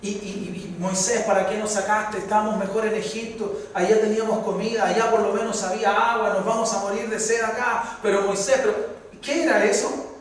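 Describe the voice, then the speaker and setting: A Chilean man preaching a sermon as pastor, his voice rising to loud, fervent peaks. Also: sits high, fairly even intonation, brisk. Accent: Chilean Spanish. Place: church hall. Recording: echoey hall from far off, faint noise.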